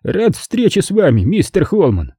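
Brief: man playing a smug heavyset aristocrat, rough-edged and drawling, dark husky tone. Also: sits high, huge pitch swings, normal speed, dry recording, clean studio sound, pitched above the performer's own voice, full character voice. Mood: mocking. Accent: slight German. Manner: lazy, condescending, teasing. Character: bald, heavy, haughty German count, mocking.

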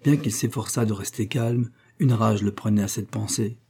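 A man narrating a classic novel as an audiobook in a measured, steady manner. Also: fairly low pitch, husky. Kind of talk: scripted narration.

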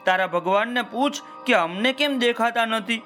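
A loving old grandmother, as a man puts her on, tender and affectionate in a high voice. It is a children's storybook telling with soft music faintly behind. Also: moderate pace.

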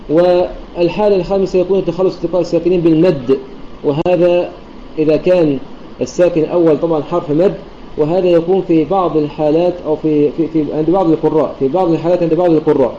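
A man's voice: a little high, fairly even intonation, quick pace, warm tone. A man teaching Quran recitation rules in an online lesson, explaining each rule and then demonstrating recited examples, repeating the phrases. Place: online voice chat room. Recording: dull lo-fi online voice chat with faint hiss.

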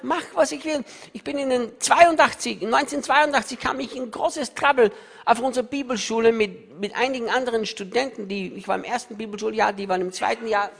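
A man preaching a sermon with much feeling, often tearful and laughing, who moves from loud emphasis to soft asides. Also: very high voice, brisk, gravelly, husky, a faint crowd. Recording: reverberant hall, voice sometimes off-mic.

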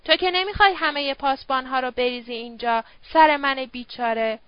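A woman voicing a drunk, smooth-talking middle-aged male opium user who coaxes and wheedles. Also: high voice, no echo, lo-fi sound, lightly acted. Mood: coaxing. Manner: wheedling, slurred persuasion.

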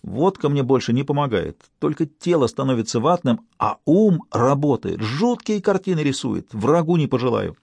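A man's voice: medium pitch, animated, moderate pace, darkish tone, no echo, pitched above the performer's own voice. A man reading an audiobook, voicing a panicky young male bank clerk in a hysterical, pleading way. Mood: panicked.

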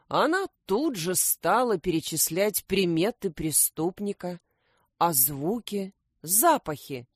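A woman reads a children's story aloud, unhurried and expressive. Her pitch moves a lot, and the sound is dry and close. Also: no echo. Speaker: narrator.

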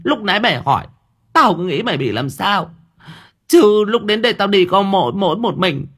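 A sharp-tongued middle-aged landlady, put on by a man, her voice pushed high and a bit husky. She scolds bluntly and crudely, her pitch leaping all over. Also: lively intonation, moderate pace, full character voice. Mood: scolding.

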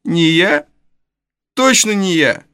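A man voicing a spiteful, taunting older charity boy in a storybook reading, his voice jumping high and jeering. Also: lively intonation, takes it slowly, bright, forceful tone, clear, resonant tone, heavily acted. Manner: jeering, shrill, then wailing for help.

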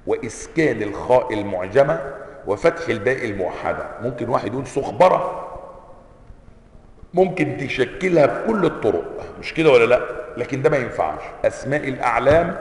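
Animated Egyptian sheikh lecturing in an echoey hall. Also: male voice, medium pitch. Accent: Egyptian Arabic. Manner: animated, peppers talk with rhetorical questions to students. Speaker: sheikh teaching hadith sciences. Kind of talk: classroom lecture.

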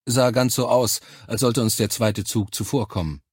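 A man reading a science fiction novel aloud in calm, measured first-person narration. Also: medium pitch, slightly rough, dry recording, clean studio sound. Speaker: audiobook narrator.

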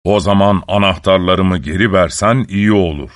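A man voicing Bluebeard, a cruel nobleman who growls and speaks slowly and threateningly. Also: deep voice, dry recording, studio quality, voice pushed down, close to an everyday voice. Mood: menacing. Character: menacing cruel male nobleman, older.

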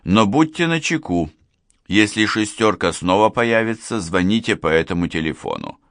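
A man's voice: fairly low pitch, animated, normal speed, fairly bright tone, dry recording, studio quality. A man voicing a blunt, stern police colonel who speaks with a threat in his tone, in an audiobook. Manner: gruff, menacing.

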